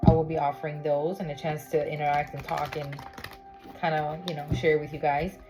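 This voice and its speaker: Recorded with poor audio, a low-voiced woman from Miami, United States, speaks briskly with little pitch movement during a tarot reading vlog. She is chatty and loose, uses many fillers, keeps checking in with "okay?", and music plays clearly behind her.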